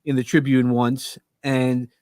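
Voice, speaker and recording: Middle-aged Brooklyn-accented male guest, joking and animated, a dry close sound. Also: mid-range voice, slow, no echo. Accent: New York (Brooklyn). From Brooklyn, New York. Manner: animated, joking, self-interrupting. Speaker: podcast guest. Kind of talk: casual interview chat. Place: remote video call.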